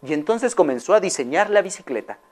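Woman, children's storyteller, lively swooping pitch, asks the audience questions, slow dramatic pauses.

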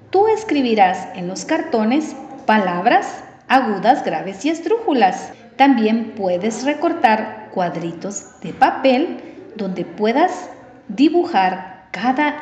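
A woman teacher giving a recorded lesson, speaking slowly and deliberately and stretching out her example words. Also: a little high, darkish tone. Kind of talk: recorded distance-learning lesson. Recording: roomy, slightly dull sound.

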